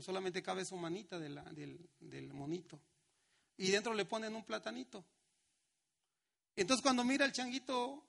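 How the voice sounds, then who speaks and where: A middle-aged man, a pastor preaching a sermon with slow, emphatic lines and acted-out quotes. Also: sits high, gravelly, fairly bright tone.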